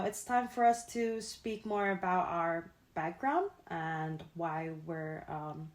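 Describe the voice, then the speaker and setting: A young woman from Indonesia hosts a casual podcast chat in a fairly low voice. She talks earnestly and keeps pausing on fillers as she gathers her thoughts. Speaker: podcast host, founder.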